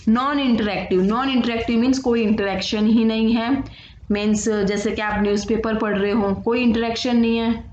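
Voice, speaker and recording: A woman teacher with an Indian accent gives an exam-prep lecture. She reads English definitions slowly, then explains them in Hindi, often checking in with "okay". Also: on the high side, darkish tone, reverberant, highs cut off, slight background noise.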